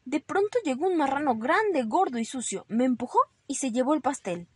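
A woman's voice: animated, moderate pace, darkish tone, breathy edge, dry recording. A woman voicing a little boy rabbit who fibs, stammering and pleading in a storybook read-aloud. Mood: fibbing. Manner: stammering, pleading and high-pitched. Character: fibbing little boy bunny, guilty and nervous.

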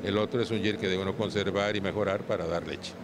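A man's voice: low voice, fairly even intonation, fast talker. An older Mexican man in his seventies answering interview questions as a cattle breeder, often checking in with short tag questions, on a handheld microphone. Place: large indoor livestock exhibition hall. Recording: noisy livestock show hall.

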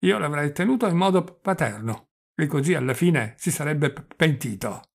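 A man's voice: on the high side, expressive, moderate pace, creaky. A man reading the part of a forgetful, rambling old prince who stammers and drops French phrases, in an audiobook. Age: older.

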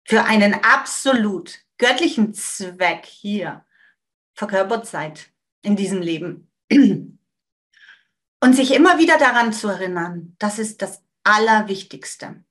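A woman giving a motivational coaching talk to her audience. She speaks emphatically, repeats phrases, and lets sentence ends trail off quietly. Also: mid-range voice, animated, slow. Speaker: manifestation coach.

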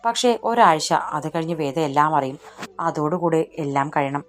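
A woman's voice: sits low, expressive, normal speed, faint music behind. A woman voicing a firm, protective young husband. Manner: firm, earnest.

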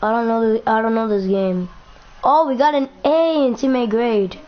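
A woman's voice: fairly high pitch, moderate pace, dull audio. Chatty young woman gaming commentator. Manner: chatty, repeats herself, playful complaints. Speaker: gaming YouTuber. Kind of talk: casual gameplay commentary.

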